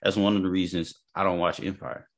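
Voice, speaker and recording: Real deep voiced guy, casual debate, emphatic, repeats his points. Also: fairly even intonation, brisk. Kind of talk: opinionated casual discussion.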